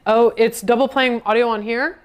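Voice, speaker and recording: A woman's voice: a little high, fairly even intonation, normal speed, lo-fi sound. A woman livestreaming from her home kitchen, chatting to viewers while she cooks. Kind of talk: casual livestream chat.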